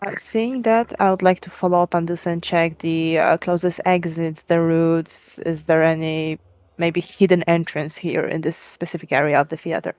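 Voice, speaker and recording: A woman's voice: sits low, steady tone, moderate pace, darkish tone, dry recording. A woman speaking casually as a player in a tabletop role-playing game.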